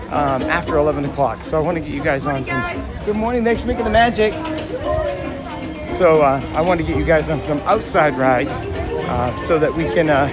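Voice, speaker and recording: Casting: male live-stream host, slightly high raspy hoarse voice, casual and chatty, outdoors with clear music behind. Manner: chatty, addressing viewers and passersby. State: hoarse from yelling at a concert. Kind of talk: casual walk-and-talk livestream. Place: outdoors in a busy theme park. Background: music, outdoor park and vehicle sounds.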